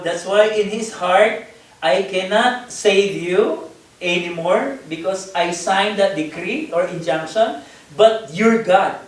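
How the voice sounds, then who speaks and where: Slow-talking preacher in an echoey room. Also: male voice, sits high. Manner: slow, halting, with many fillers and repeated words. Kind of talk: Bible study sermon. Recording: echoey room, picked up from a distance.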